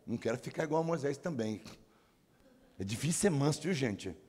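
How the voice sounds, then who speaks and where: A Brazilian man preaching a sermon as pastor, animated and humorous, acting out the prayers of churchgoers. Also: mid-range voice, a little fast, breathy edge. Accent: Brazilian Portuguese. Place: church hall. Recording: long church-hall reverb.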